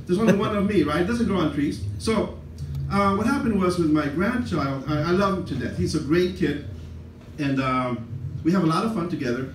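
An older man with a Mexican-American accent works a comedy club stage, rambling through self-deprecating stories and tossing asides to the crowd. His voice sits on the high side for a man. The sound is roomy and distant, with a faint hum of the club behind him. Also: animated, normal speed. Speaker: stand-up comedian. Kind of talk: stand-up comedy set. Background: audience laughter.

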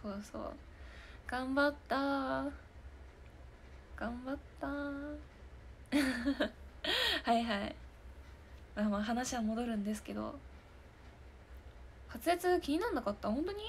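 A woman's voice: fairly high pitch, expressive, a little slow, long pauses, a little hiss or hum. A young woman in her twenties hosting a stream, chatting casually and giggling as she answers viewer comments. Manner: giggly and chatty, often laughing. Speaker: idol hosting a live stream talk show.

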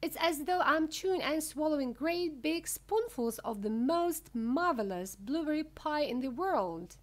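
A woman's voice: high-pitched, animated, a little slow, voice pushed up. A woman voicing a bratty, stubborn, gum-chewing young girl in a storybook. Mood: gleeful.

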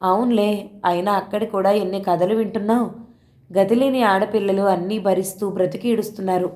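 A calm middle-aged woman officer gives advice in a measured voice, voiced by a woman reader. This is an audio storybook role. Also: mid-range voice, lightly acted. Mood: advising.

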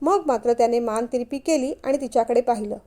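A woman narrating a short love story, gently voicing the couple and other people in it. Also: a little high, a little fast. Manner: gentle, voices both lovers and the ride operator.

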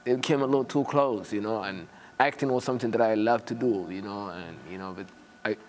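A young man from Somalia, an actor guest in a studio interview, talking softly and haltingly with many fillers, on a lapel mic. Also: on the low side, a little hiss or hum. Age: young adult. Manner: hesitant, soft-spoken, many "you know" fillers. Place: TV studio set, indoors.

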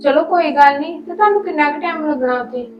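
A young woman playing a patient young daughter-in-law who answers back gently. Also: high voice, fast talker, highs cut off, faint music behind, lightly acted. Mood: mild.

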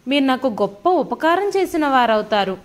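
A woman's voice: sits high, sing-song, normal speed. A woman voicing a tearful elderly father from a village who begs his son for help. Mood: pleading. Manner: tearful, begging.

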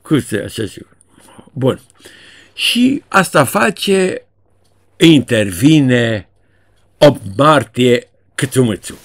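A man in his seventies talks through a casual commentary monologue, sarcastic and colloquial. His voice is gravelly and husky, and his pitch leaps all over the place. The recording is dry and close. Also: big pitch swings, long pauses, dry recording. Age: 70s. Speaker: journalist and video blogger.

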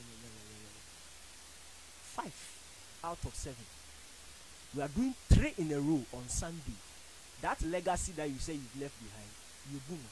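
A medium-pitched man with a Ghanaian accent argues football on a radio studio panel, emphatic and theatrical throughout the animated debate. He speaks into a studio boom mic with headphones, and background noise can be heard.

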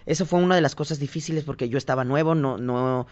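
This singer and TV reporter, a young Mexican man with a medium-pitched voice, talks fast while guesting on a podcast. He spins casual interview stories with lots of energy, voicing what others said in lively asides. The recording has a dull, lo-fi quality.

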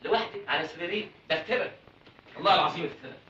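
A man's voice: on the high side, animated, very fast, background noise, lightly acted. An actor playing a cheeky young Egyptian man who talks his way out of trouble with joking, mock-dignified excuses. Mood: playful. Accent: Egyptian Arabic. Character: cheeky young man, smooth-talking, playfully evasive. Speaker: stowaway hiding on a ship. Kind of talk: 1970s film comedy acting. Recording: dull, roomy old film soundtrack.

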